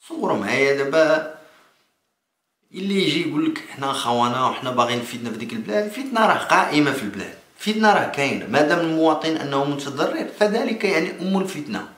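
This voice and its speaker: A man in his thirties with a Moroccan accent, giving spontaneous political commentary to camera in a halting way, repeating and restarting phrases. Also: on the high side, lively intonation, fairly bright tone. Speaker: political vlogger. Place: small indoor room. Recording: echoey room.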